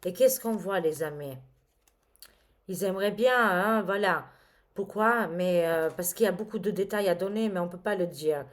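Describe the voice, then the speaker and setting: A woman's voice: lowish voice, normal speed. A woman reading tarot cards to her viewers, talking casually and dramatically with many exclamations and fillers. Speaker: tarot reader.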